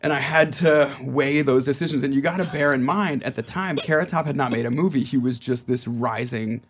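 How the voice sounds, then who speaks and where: A man in his forties, an actor guest in a casual chat, telling animated stories with a gravelly, husky voice. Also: mid-range voice, a little fast, a little hiss or hum. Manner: animated storyteller, acts out quotes.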